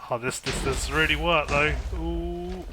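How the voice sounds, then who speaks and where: A man commentating his own game, excitable and chatty as he talks himself through it. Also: fairly high pitch, measured pace, noisy background. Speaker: gaming YouTuber. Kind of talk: casual Minecraft let's play commentary.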